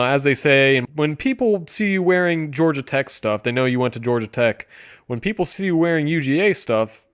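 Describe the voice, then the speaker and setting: A man giving sarcastic commentary, deadpan with mock-enthusiastic outbursts. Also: fairly high pitch, clear, resonant tone. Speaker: streamer reviewing car listings.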